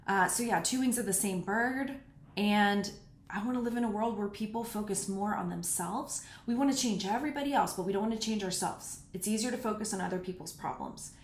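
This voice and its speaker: Answering listener questions on her solo podcast, a woman in her 30s talks casually and candidly, not shying away from blunt talk about personal matters. Her pitch is medium. The recording has roomy echo and slight background noise.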